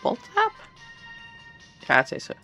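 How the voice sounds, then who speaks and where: A man's voice: unhurried, sharp tone. A man casually commenting on his solo game stream, rambling and correcting himself as he goes. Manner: rambling, self-correcting, chatty. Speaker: gamer streaming solo play. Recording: game music behind the voice.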